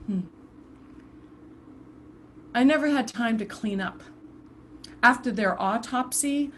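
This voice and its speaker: An actress plays the restless ghost of a murdered woman civil rights volunteer in a theatrical monologue over a video call. She speaks haltingly, with sighs and broken restarts. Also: mid-range voice, a bit bright, slight background noise. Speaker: stage actor performing a monologue. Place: indoors at home, performing over a video call. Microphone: video call computer mic.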